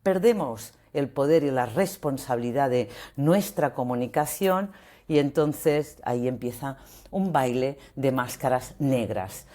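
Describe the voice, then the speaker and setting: A woman, a voice coach explaining ideas in an interview, expressive and acting out example phrases. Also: very deep voice, a little slow.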